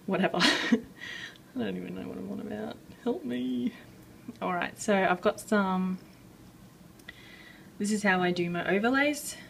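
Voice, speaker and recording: A woman giving a casual drawing tutorial, rambling and self-deprecating with many fillers, a bit out of breath and clearing her throat. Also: mid-range voice, measured pace, fairly bright tone, distant mic, a little hiss or hum, low-quality recording. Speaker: art tutorial maker.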